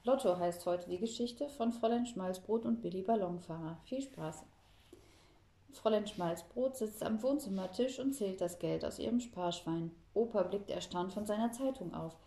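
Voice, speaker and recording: A woman reading a children's story aloud in a gentle, even storyteller manner, with a roomy echo on the recording. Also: medium pitch, normal speed.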